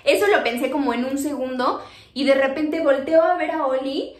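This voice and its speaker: A young Mexican woman with a Mexican accent, casually telling spooky personal stories in an animated way, acting out the dialogue. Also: high-pitched, moderate pace. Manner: animated, re-enacts dialogue, many fillers. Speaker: storyteller. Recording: roomy echo.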